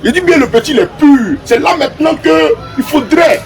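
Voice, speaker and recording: A man's voice: extremely high pitch, expressive, normal speed, vocal fry, poor audio. A man giving rambling football commentary, losing words and going off on asides. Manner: rambling, loses words, digressive. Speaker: football pundit. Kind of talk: casual debate commentary. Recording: music bed behind voice.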